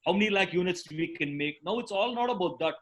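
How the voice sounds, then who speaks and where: Male guest speaker, South Indian accent, high voice, very quick, emphatic motivational business delivery. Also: lively intonation, a bit bright. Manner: emphatic, repeats points, switches between English and Tamil. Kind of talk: motivational business talk answering audience questions.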